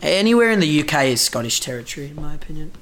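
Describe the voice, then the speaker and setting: A man's voice: a little high, very animated, very fast, crowd noise. A man co-hosting a casual podcast chat, joking loosely and swearing freely. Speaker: podcast co-host.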